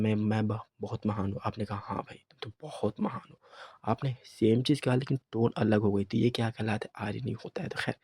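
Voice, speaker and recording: Gravelly teacher explaining a poem. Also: male voice, medium pitch, a little mellow, no echo. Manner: mixes Hindi and English, reads poem lines slowly. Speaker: English teacher.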